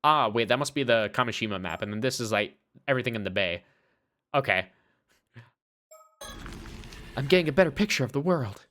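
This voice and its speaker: Bright-voiced man streaming a game. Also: mid-range voice, lively intonation, fast. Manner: chatty, swears casually, laughs often. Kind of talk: casual gameplay commentary.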